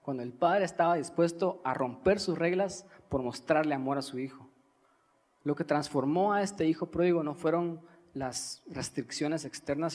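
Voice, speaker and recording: A young man from Guatemala, preaching a sermon in an earnest teaching manner, pausing to stress key words. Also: fairly high pitch, darkish tone. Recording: reverberant church hall.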